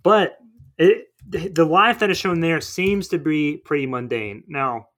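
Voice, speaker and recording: Brief: man, fairly high voice, casual co-host, rambling and filler-heavy. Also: unhurried, a bit bright. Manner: rambling, thinks aloud with many fillers. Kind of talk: casual chat about a movie.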